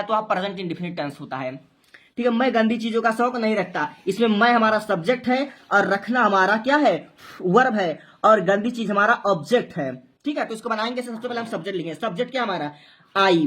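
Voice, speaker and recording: Her mid-range voice is fairly bright as she teaches Hindi-to-English translation. Going step by step, she questions herself, supplies the answers, and spells out each word letter by letter.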